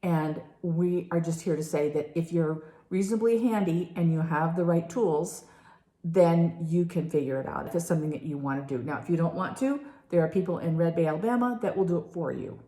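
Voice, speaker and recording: A woman's voice: lowish voice, a little fast, dark tone. An older woman chatting casually as a vlog host, emphatic and given to repeating herself. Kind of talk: casual conversational review. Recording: roomy, echoey indoor sound.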